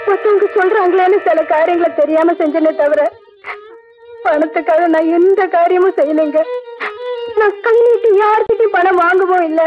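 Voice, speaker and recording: An actress playing a wronged young wife who pleads her innocence while crying, over music on a dull recording. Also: extremely high pitch. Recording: dull audio with music behind.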